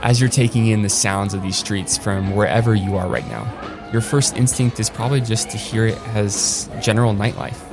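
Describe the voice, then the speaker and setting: Guy narrating, earnest and deliberate, low-ish, music under him. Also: fairly even intonation. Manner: measured, earnest, emphatic. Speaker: podcast host. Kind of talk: scripted documentary narration. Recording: narration over clear music.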